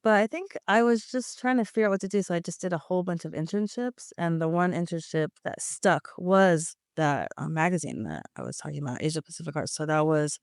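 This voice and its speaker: Smooth-voiced woman, thoughtful journalist guest. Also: on the low side, animated, fairly quick, hardly any pauses, dry recording, studio quality. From California, United States. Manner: thoughtful, many fillers. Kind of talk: casual interview.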